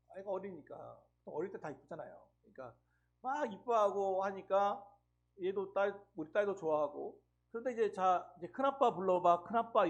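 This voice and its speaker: Animated husky-voiced male pastor preaching. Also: sits high, muffled recording. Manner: storytelling with acted quotes, animated. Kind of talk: sermon.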